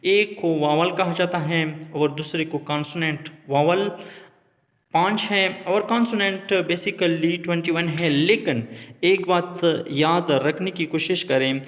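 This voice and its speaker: A man's voice: a little high, fairly even intonation, slow pace, fairly bright tone, in a large hall. A man, teaching an English grammar lesson and restating each term in plain words. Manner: explains terms then restates them. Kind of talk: explanatory lesson.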